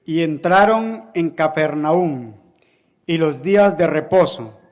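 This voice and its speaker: A man reading a Bible passage aloud slowly and carefully, away from the microphone. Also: on the high side. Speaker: congregant reading scripture aloud.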